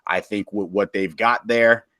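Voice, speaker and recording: A man's voice: on the low side, steady tone, a bit bright, no echo, clean studio sound. A man co-hosting a casual football podcast, steadily reasoning through statistics. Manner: measured, reasoning through stats. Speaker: podcast co-host. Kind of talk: casual sports podcast chat.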